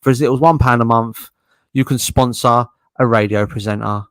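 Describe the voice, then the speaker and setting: A man's voice: medium pitch, steady tone, a little fast, fairly bright tone, no room sound. A man hosting a casual podcast chat, laughing often as he rambles. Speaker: podcast host.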